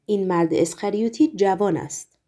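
A woman voicing a calm, deferential male secret-police chief who speaks quietly and courteously. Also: mid-range voice, natural voice.

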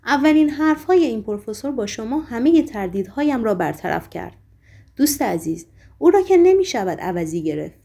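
A woman voicing a weary, sorrowful man who speaks calmly, earnestly and apologetically. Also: fairly high pitch, creaky. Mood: calm, sad.

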